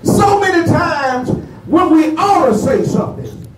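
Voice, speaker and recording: A man's voice: very high-pitched, expressive, unhurried. A man, preaching a call-and-response sermon and teasing the congregation. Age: 40s. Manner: preaching, repeats lines and teases the congregation. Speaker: pastor. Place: church sanctuary. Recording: echoey church, far mic, congregation heard.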